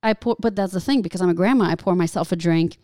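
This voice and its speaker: A woman in her thirties chatting casually, candid and animated, swearing freely. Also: on the low side, fast talker, dry recording, studio quality. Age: 30s. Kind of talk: casual chat.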